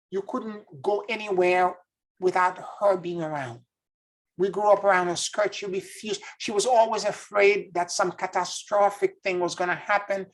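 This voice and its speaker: In a rough recording, a high-voiced man from Haiti speaks as a spiritual teacher. His reflective monologue is earnest and inward-looking, and he feels his way toward each word.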